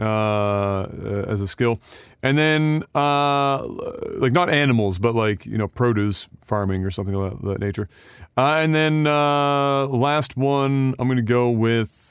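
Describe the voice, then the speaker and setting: Man, thirties, podcast co-host, smooth resonant voice, dry close sound, casual and swearing. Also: medium pitch, slow, no room sound. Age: 30s. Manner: relaxed, swears, reads viewer questions aloud. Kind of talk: casual chat.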